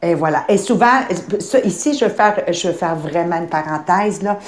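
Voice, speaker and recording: A woman's voice: on the low side, moderate pace. A woman on a podcast, talking bluntly and emphatically and slipping English phrases into her speech. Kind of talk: casual podcast chat. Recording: roomy echo.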